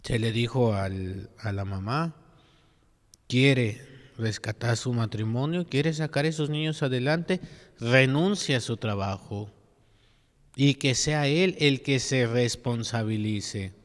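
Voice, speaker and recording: A priest preaching a sermon at mass, earnest and full of rhetorical questions. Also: male voice, mid-range voice, takes it slowly, in a large hall.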